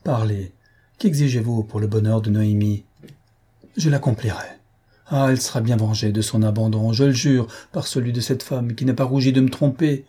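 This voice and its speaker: Anguished aging nobleman, begging father, read by a man, husky tone. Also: mid-range voice, steady tone, moderate pace, warm tone, close to an everyday voice. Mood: pleading. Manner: pleading, anguished. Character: aging male nobleman, desperate pleading father.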